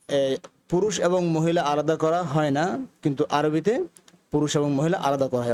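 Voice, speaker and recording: A man's voice: a little high, darkish tone, no room sound. Patient male grammar teacher. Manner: patient, repeats words slowly for practice. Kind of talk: video lesson.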